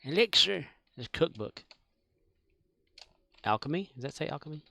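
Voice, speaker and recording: A man's voice: a little high, expressive, normal speed. A man streaming a video game live, talking casually and playfully, echoing lines in silly voices.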